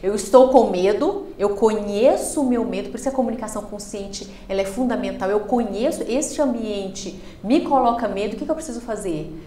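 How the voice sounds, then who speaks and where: A Brazilian woman, a speech therapist guest on a podcast, explaining with expressive swings in pitch and loudness. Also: brisk, few pauses. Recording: roomy studio echo.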